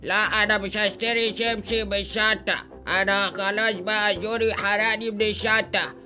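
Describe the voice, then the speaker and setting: A man's voice: sits high, flat delivery, fairly quick, pushed and bright, faint music behind. A man with an Egyptian Arabic accent playing along in a gameplay comedy skit, bickering in a whiny way. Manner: whiny, bickering sidekick banter. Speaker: co-player in the skit.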